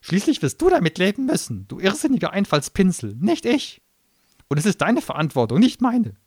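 A shrill, mocking little gnome demon shoots up high and swings his pitch wildly as he sneers. His voice sits dry and close, sarcastic and quick to temper. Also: huge pitch swings, darkish tone, breathy edge, no room sound, full character voice. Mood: cursing. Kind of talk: audiobook reading.

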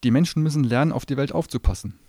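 A man's voice: mid-range voice, racing, mellow, dry recording, clean studio sound, voice pushed up, natural voice. A man voicing a determined young girl in an audiobook reading, firm and matter-of-fact.

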